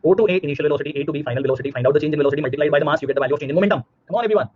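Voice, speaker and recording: A man's voice: fairly high pitch, rapid-fire, breathy edge. A man in his thirties with an Indian accent teaching a live online physics class, repeating himself and checking understanding with questions, slightly muffled.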